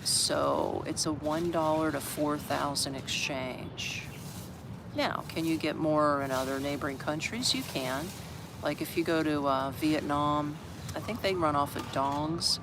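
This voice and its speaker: An older livestreamer from Orlando, Florida speaks at a measured pace in a steady mid-range voice, casually rambling and reading out comments from viewers. The stream comes from an open shed in a city park outdoors, with street traffic in the background.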